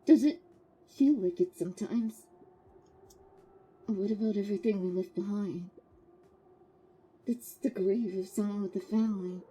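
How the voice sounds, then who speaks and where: A woman's voice: medium pitch, unhurried, pauses often, warm tone, husky, pitched below the performer's own voice. A woman voicing young male workers in hazmat suits, speaking into a cup so her voice sounds hollow and muffled, in laid-back dude-speak. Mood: casual. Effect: muffled, talking into a cup. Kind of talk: voicing game characters while streaming.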